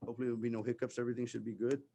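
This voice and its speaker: A man runs a county meeting. He talks quickly at an average pitch, moving through agenda items and formal wording in a procedural way. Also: little pitch movement, gravelly, dark tone, slight background noise. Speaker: county judge chairing a public meeting. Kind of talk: formal meeting procedure, reading resolutions aloud.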